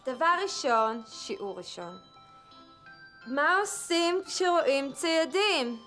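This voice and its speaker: A woman's voice: high voice, lively intonation, music in the background. An actress playing a melodramatic comedy character, a mother speaking in mock-grave tones. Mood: playful. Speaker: sitcom character.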